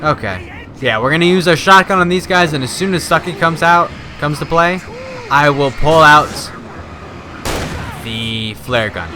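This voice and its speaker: A young man commenting casually on a horror game as he plays, rambling and shouting during fights. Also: on the high side, measured pace, background noise. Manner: rambling, excitable, yells at fights. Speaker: gaming YouTuber. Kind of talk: let's play commentary.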